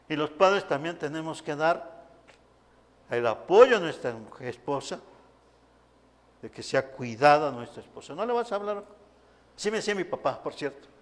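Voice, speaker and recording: A man preaches with emphasis, his voice sitting high for a man. He keeps turning to the congregation and calling out to them. A long reverb from the church hall trails after each phrase. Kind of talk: sermon.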